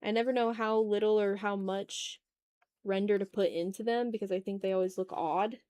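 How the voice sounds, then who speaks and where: Hosting an art livestream, this woman talks informally as she draws, half to viewers and half to herself, often criticizing her own work. Her medium-pitched voice stays steady at normal speed with a darkish tone, and the recording has no room sound.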